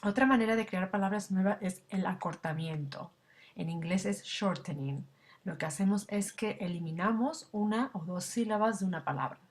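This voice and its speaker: A woman's voice: medium pitch, normal speed. A woman language instructor giving a recorded slide lecture, explaining step by step with frequent fillers and tag questions.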